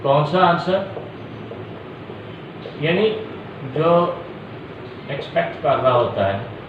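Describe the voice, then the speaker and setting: Slow-paced yet animated, a slightly high male voice with a Pakistani accent explains law, taking each point again step by step and working in English terms. The highs are cut off, and the room echoes over faint background noise.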